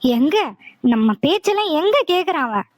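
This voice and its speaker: A fussing middle-aged cartoon mother voiced by a woman, complaining in a high voice. The sound is dry and close. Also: sing-song, moderate pace, no room sound. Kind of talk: cartoon voice acting.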